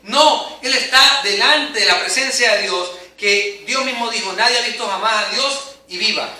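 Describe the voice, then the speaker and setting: A man delivers an emphatic, dramatic sermon, his voice high and piercingly bright. He is recorded from across a room that echoes heavily, so every phrase rings out around him. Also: moderate pace. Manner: emphatic, dramatic preaching with rising and falling intensity. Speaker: preacher. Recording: very echoey hall, mic at a distance.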